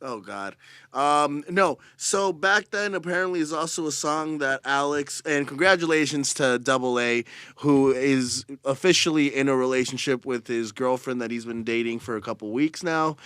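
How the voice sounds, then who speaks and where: Bright-voiced, excitable podcast host man. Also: mid-range voice, moderate pace, clean tone, dry recording. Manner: excitable, swearing, shouts when hyped. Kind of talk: casual podcast banter.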